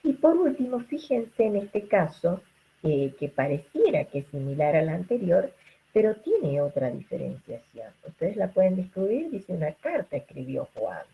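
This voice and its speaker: A woman's voice: lowish voice, very animated, moderate pace, gravelly, slightly rough, dull audio. A woman giving an online lecture to students over a video call. She keeps checking in with her listeners through rhetorical questions and fillers. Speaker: linguistics lecturer.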